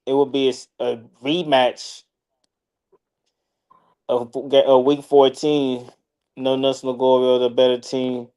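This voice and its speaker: A man's voice: mid-range voice, completely flat delivery, slow, pauses often, dark tone, clean tone, rough recording. A man co-hosting a live fantasy football stream, laid-back and joking, swearing freely and talking through his picks. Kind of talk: casual live-stream banter.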